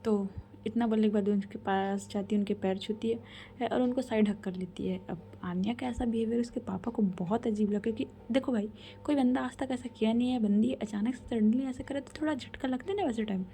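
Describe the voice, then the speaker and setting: A woman's voice: a little high, fairly even intonation, fairly quick, mellow, slight background noise. A woman storyteller narrating a love story in a chatty, casual way, often half-whispering and addressing the listener directly.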